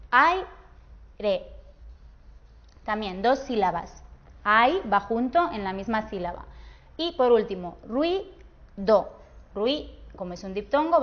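A woman, teaching a grammar lesson patiently and slowing down to spell out words and syllables. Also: mid-range voice, dull audio.

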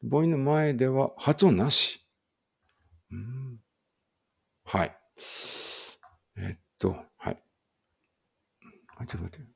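A man's voice: mid-range voice, animated, slow pace, vocal fry, pauses often, husky. A man reading a study text aloud in a casual study-along and thinking aloud in muttered asides. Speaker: language teacher reading aloud.

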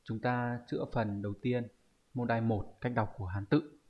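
A man's voice: mid-range voice, fairly even intonation, moderate pace, muffled recording. A man teaching an online lesson with a Vietnamese accent, explaining exam answers and often asking the viewers to confirm. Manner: explanatory, asks rhetorical checks often. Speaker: Japanese teacher.

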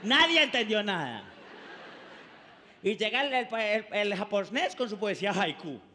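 High bright Colombian comedian. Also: male voice. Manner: lively, mocking, quick voice changes. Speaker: stand-up comedian. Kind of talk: stand-up comedy routine. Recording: reverberant hall, faint noise.

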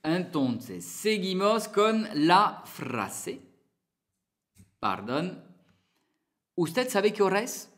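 Slow, patient male teacher. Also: sits high, very animated, fairly bright tone. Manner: slow, deliberate, repeats words for practice. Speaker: French teacher. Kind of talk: slow lesson with repeated conjugation drills.

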